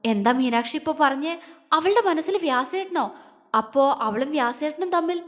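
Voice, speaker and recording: A woman's voice: high-pitched, expressive, moderate pace. A woman voicing a jealous young woman who talks in an anxious, disbelieving way.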